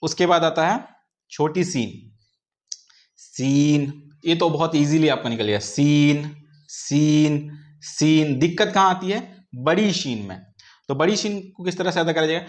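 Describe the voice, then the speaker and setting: A man's voice: a little high, measured pace. A male teacher giving a pronunciation lesson, patiently repeating each letter sound many times and stretching them out. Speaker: Quran recitation teacher. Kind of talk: slow pronunciation lesson with drawn-out repetitions.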